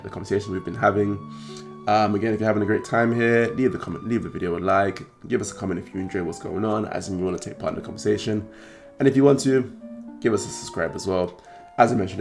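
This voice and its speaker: A man hosting a trading card game vlog, talking casually with many fillers and restarts, his voice croaky. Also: on the low side. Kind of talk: casual talk to camera.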